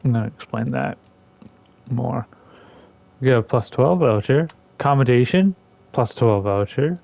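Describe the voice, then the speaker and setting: A man's voice: unhurried, vocal fry, no echo, highs cut off. A man ranting sarcastically about a game while playing it, in an exasperated, casual commentary style. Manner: exasperated and sarcastic, with lively swings in pitch and loudness. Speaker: gaming content creator.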